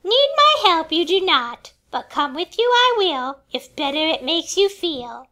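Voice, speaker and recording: A performer playing a small, wise old alien master in a family radio play, speaking deliberately with inverted word order. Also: very high voice, big pitch swings, bright, forceful tone, full character voice. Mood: kindly.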